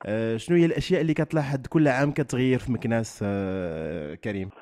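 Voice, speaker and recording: A man with a Moroccan Arabic accent hosting a radio interview, talking haltingly with many fillers. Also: medium pitch, a little mellow, slight background noise. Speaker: radio host.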